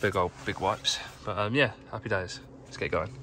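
A young man, a plumber, chatting casually to camera in a rambling, low-key way while tidying his van, filmed on a handheld phone. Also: steady tone, normal speed, very noisy. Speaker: plumber vlogger. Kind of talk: casual vlog narration while working. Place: inside a work van, outdoors nearby.

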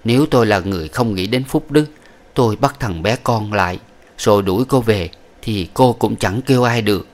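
A proud, cold young wife speaks firmly and deliberately, her voice lifted a little above a man's usual pitch, as a male reader voices her. Measured and unbending, she lectures without raising much heat. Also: close to an everyday voice. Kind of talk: audiobook character voice.

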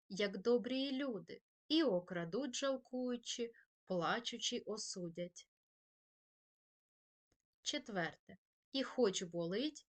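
Female teacher voice for a recorded grammar lesson, a bit higher pitched, slow and precise when reading examples. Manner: slow, careful dictation-like delivery of examples. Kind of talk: scripted grammar lesson narration.

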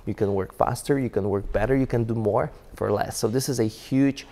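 A business vlogger gives casual advice to camera with enthusiasm, often restarting and using non-native phrasing. His voice is lowish, dark, and fairly quick.

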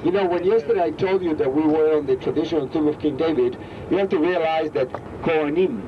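Male tour guide, slightly high voice, chatty and explanatory, old camcorder audio, dull lo-fi sound with street noise behind. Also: fast talker. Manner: explanatory, conversational. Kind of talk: casual guided tour talk.

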